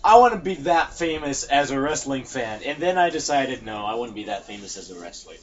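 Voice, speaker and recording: A man's voice: mid-range voice, sing-song, fairly quick. A man co-hosting a casual wrestling podcast, rambling with joking asides, on a muffled lo-fi recording. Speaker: podcast co-host. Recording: muffled lo-fi recording with faint hiss.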